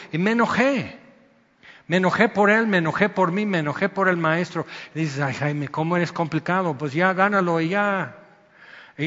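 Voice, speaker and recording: A man's voice: fairly high pitch, a bit bright. Preacher man in a reverberant hall. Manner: conversational, storytelling with sudden emphatic outbursts. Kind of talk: sermon. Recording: dull sound with long hall reverb.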